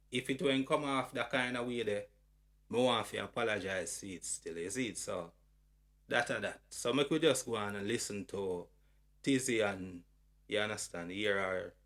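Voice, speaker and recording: A man's voice: on the low side, fairly bright tone. A Jamaican man hosting a channel, talking in a laid-back, casual way and checking in with "you see it?". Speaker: channel host. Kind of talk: casual introduction.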